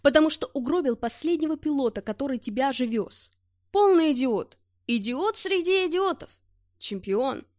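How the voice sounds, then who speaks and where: A woman voicing a scornful, foul-tempered male rescuer who mocks and snaps loudly. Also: high voice, a little fast, hardly any pauses, no echo, clean studio sound, lightly acted. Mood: mocking. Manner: mocking, scornful.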